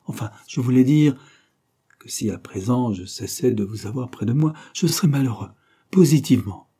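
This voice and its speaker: A man's voice: mid-range voice, animated, moderate pace, dark tone, husky. A man voicing a fussy, sentimental elderly English invalid who repeats himself and hesitates. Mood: fond. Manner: fond of repeating words, hesitant.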